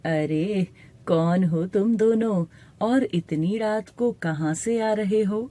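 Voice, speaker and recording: A woman voicing a kindly middle-aged male temple priest who asks gentle, puzzled questions. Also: mid-range voice, slow pace, lightly acted. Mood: questioning.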